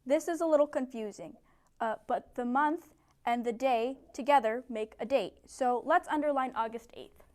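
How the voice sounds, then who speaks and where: High-voiced woman tutor teaching class. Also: moderate pace. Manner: clear, encouraging classroom instruction. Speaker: ESL tutor. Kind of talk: teaching a small group lesson.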